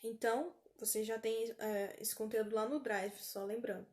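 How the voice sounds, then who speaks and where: A woman with a Brazilian Portuguese accent teaching an online English lesson, repeating each word slowly for pronunciation practice. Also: fairly high pitch, steady tone, a little mellow.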